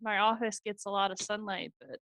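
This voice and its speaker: A woman's voice: mid-range voice, level tone, fairly quick, fairly bright tone, no room sound. A woman on a show panel, bantering casually from her office. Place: home office.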